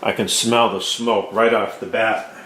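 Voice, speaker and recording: A man hosting a cooking video, chatting in a folksy, relaxed way while tasting his food. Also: on the low side, measured pace, slight background noise. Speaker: cooking show host. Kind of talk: casual cooking vlog chat. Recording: roomy with faint clatter.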